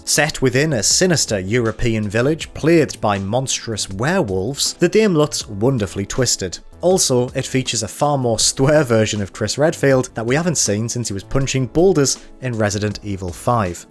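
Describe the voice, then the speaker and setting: A man with a Geordie accent reading a scripted games news voice-over, with wry, dry jokey asides. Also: medium pitch. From North East England. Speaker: games journalist.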